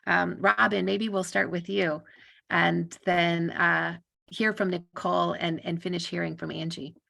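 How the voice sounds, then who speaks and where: A woman's voice: lowish voice, flat delivery, a little slow, gravelly, bright, forceful tone. A woman moderating a webinar, chatting in a friendly way and steering the discussion to her guests. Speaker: webinar moderator for a music foundation. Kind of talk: hosting a webinar conversation.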